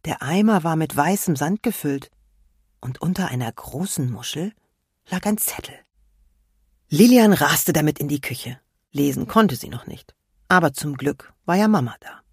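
A woman reads a children's story aloud with lively expression, her voice low and slightly husky. She keeps a moderate pace, and the sound is close and dry.

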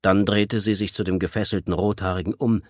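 A man narrating an audiobook in a measured, tense storytelling manner. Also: low voice, level tone, no echo, studio quality. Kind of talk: scripted narration.

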